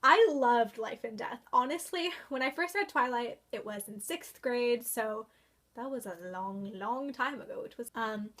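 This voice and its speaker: Young female book vlogger, gushing, chatty, slightly high voice. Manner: gushing, excitable, quick to exclaim. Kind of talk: casual book review vlog.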